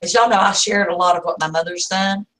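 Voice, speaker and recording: A woman's voice: on the low side, steady tone, fast talker, rough recording. A woman, chatting casually on a craft vlog and reading out viewer comments. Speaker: craft vlogger. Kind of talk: casual live chat.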